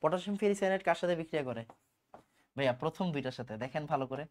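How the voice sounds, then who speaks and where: A man's voice: fairly high pitch, expressive, very fast, slight background noise. A man teaching a chemistry exam-prep lecture, drilling terms by repetition and answering his own questions.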